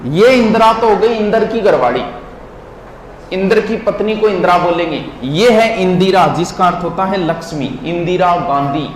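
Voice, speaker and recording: Man teaching, high voice, echoey hall. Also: moderate pace. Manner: drills words syllable by syllable, quizzes listeners. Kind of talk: classroom lecture. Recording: echoey hall with faint noise.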